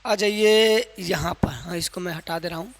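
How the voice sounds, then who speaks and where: A man teaching English pronunciation in a loud, emphatic classroom manner, quizzing his viewers with repeated questions. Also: high-pitched, moderate pace, big-room sound, a little hiss or hum. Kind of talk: classroom lesson in Hindi with some English.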